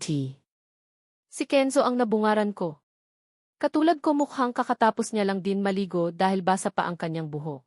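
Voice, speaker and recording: An audiobook narrator with a Filipino accent reads a first-person novel aloud as scripted narration. Her mid-range voice is a little mellow, captured in clean studio sound with no echo.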